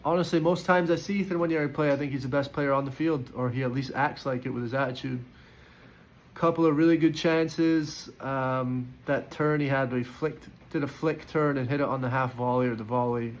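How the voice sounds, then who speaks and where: With a medium-pitched, steady voice and a brisk pace, a man chats through football player ratings after a match. He is opinionated and uses frequent fillers and restarts. The recording quality is low.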